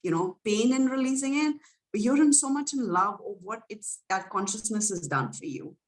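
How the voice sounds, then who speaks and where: Guiding listeners in a livestream, a spiritual coach speaks softly and emotionally, sometimes teary, in flowing, repetitive phrases. Her voice sits on the high side and is animated at a normal speed. The recording is rough.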